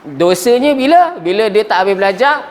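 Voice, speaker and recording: A Malaysian man teaching a class with a high, light voice and a Malaysian Malay accent. He keeps putting questions to his students and sometimes trails off mid-word. Faint hiss sits under the classroom recording. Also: very animated, brisk. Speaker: Arabic grammar teacher. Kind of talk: classroom lesson.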